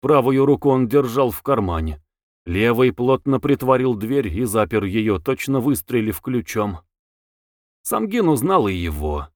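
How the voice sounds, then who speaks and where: A man reads a novel aloud as an audiobook narrator, with a lively, well-shaped intonation. His voice sits at a middle pitch in a dry, close recording with no room sound. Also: measured pace, no room sound.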